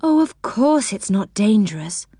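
A woman voicing a kind, gentle fairy in a storybook reading, soft and soothing. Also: medium pitch, big pitch swings, measured pace, husky, dry recording, studio quality.

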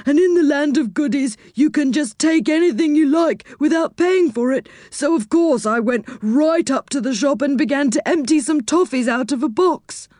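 A high, apologetic storybook tinker, put on by a woman reader, rambling sadly about his pots and pans. The voice sits well above a normal speaking pitch and sounds set apart from the narration. It is recorded close and dry. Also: expressive, normal speed, few pauses, darkish tone, no room sound. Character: sorry, simple-hearted male tinker figure.

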